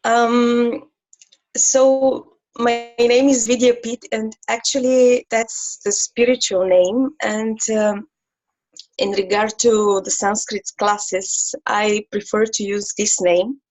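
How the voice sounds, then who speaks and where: A woman from Bulgaria, introducing herself on a video call and haltingly searching for words. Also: on the high side, steady tone, a little mellow, poor audio.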